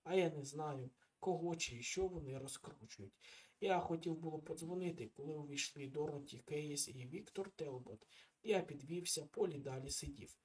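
A man narrating a detective story in the first person, with a wry, steady delivery. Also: on the high side, normal speed. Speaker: audiobook reader.

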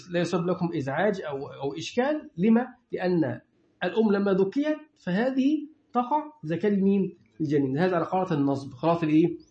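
High-voiced Egyptian teacher in echoey room. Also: male voice, creaky, dark tone. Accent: Egyptian Arabic. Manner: quizzes the class with quick questions. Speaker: religious teacher. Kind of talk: classroom lecture. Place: lecture room with students. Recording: echoey room, dull lo-fi sound.

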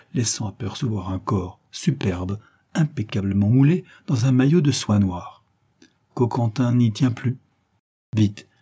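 A man narrating a classic novel aloud in an expressive, theatrical storytelling manner. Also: lowish voice, breathy edge. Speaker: audiobook reader.

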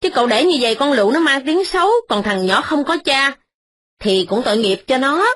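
A woman's voice: high-pitched, lively intonation, brisk, fairly bright tone. A woman voicing a poor, proud older brother who lectures a rich young man in a reproachful tone.

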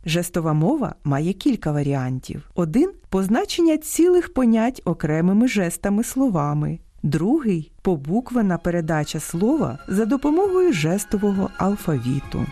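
Woman on the radio talking about word stress, careful clear reading, bouncy intonation, dry studio. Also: mid-range voice, normal speed, no echo. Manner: clear, careful stress on words, lively read-aloud quotes. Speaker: radio host. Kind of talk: scripted radio talk on language.

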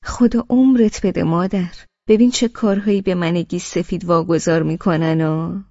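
A woman voicing a fond old grandmother who talks in a halting, motherly way, in an audiobook. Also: fairly low pitch, fairly even intonation, warm tone, no echo, muffled recording. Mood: relieved. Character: sweet chatty old grandmother, hesitant and fond. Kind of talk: audiobook character reading.

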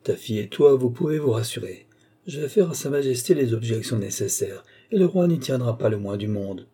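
A man's voice: medium pitch, animated, brisk, dark tone, breathy edge. A man reading a novel aloud, voicing an old worldly duke with a dry, mocking, offhand manner. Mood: ironic. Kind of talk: audiobook character reading.

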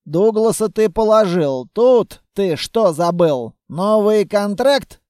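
A man voicing a gruff, skeptical male former ranger who grumbles at his old partner in an audiobook. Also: sits high, animated, slow pace, warm tone, no echo, clean studio sound, pitched above the performer's own voice. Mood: pressing.

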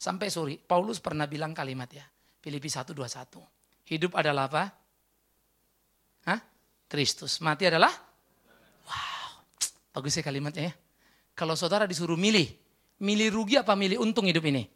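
A woman preaching a church sermon, firing rhetorical questions at the congregation and breaking into emphatic exclamations, swinging between loud and hushed. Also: sits low, normal speed, pauses often.

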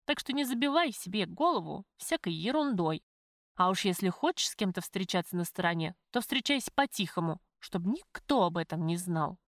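A woman voicing a blunt, streetwise young waitress who chides her friend, in a lively, raised voice. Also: lowish voice, fairly quick, no room sound, clean studio sound. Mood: brash. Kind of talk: audiobook character voice.

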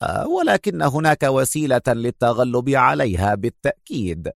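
A man voicing a good-humored, grateful male military officer in a spoken story, sounding warm and amused. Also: medium pitch, sing-song, moderate pace, gravelly, no room sound, studio quality.

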